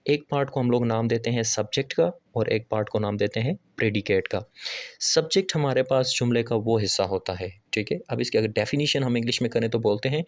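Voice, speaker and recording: A male teacher walks through a grammar lesson at a steady, mid-pitched level. He keeps asking the class what something is called and then answers himself. He slows right down to read each definition word by word. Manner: asks the class rhetorical questions and answers them; reads English definitions slowly and deliberately. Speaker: English teacher. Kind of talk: classroom-style video lesson.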